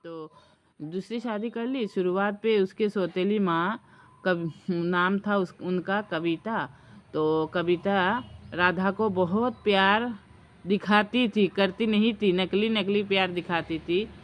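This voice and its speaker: A woman's voice: medium pitch, steady tone, slow. A woman vlogger casually telling a folk story, hesitant and full of fillers and restarts.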